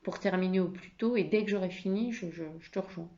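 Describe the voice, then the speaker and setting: A woman voicing an apologetic husband who speaks softly and stammers as he tries to calm his partner. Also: medium pitch, quick pace, muffled recording, close to an everyday voice. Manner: soft, hesitant, stammering, placating. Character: apologetic man, a husband stuck at work.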